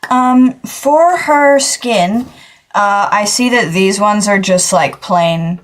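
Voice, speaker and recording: Speaking slowly in a mid-range voice, an English-speaking teenage streamer from Australia chats casually while drawing on a livestream. Her talk meanders, packed with filler words and self-corrections.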